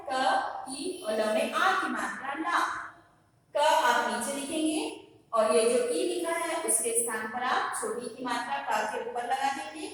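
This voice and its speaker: A woman teaching a slow, patient Hindi phonics lesson to young children, repeating each word for them to echo. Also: high-pitched, fairly bright tone, a little hiss or hum. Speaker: primary school teacher. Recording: very echoey room, recorded from a distance.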